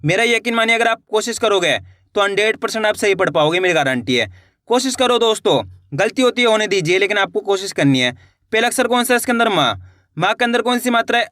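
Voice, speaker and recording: A man teaching Hindi reading online, sounding out syllables slowly and then explaining in a brisk, coaxing way, addressing viewers as friends. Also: sits high, pushed and bright, studio quality. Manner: addresses viewers as friends, repeats words for them to echo.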